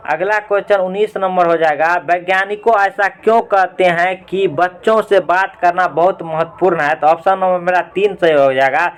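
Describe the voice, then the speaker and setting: A man's voice: high voice, a bit bright. A man teaching in who reads out exam questions one by one, gives the correct option, then asks and answers his own questions to repeat it. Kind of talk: reading out and explaining exam answers.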